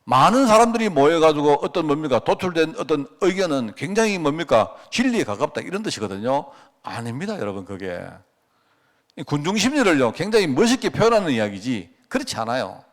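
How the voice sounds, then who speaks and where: With a sing-song voice on the high side and a fairly quick pace, this middle-aged pastor preaches conversationally at a prayer meeting. He acts out quoted dialogue, shares anecdotes, and throws rhetorical questions at the congregation.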